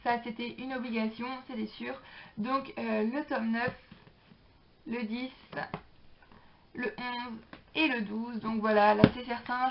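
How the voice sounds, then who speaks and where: A young woman talks casually about her latest library books in a fairly high voice. She hesitates often, fills gaps with little fillers, and keeps going in a friendly chatty flow. The recording sounds dull and lo-fi. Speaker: book vlogger. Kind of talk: casual book haul chat.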